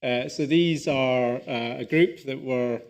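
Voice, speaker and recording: A man's voice: medium pitch, slow pace, clean tone. Scottish man giving a lecture. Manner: relaxed, with frequent "uh" and "um" and restarts. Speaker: archaeology professor, lecturer. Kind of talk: public lecture. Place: lecture hall.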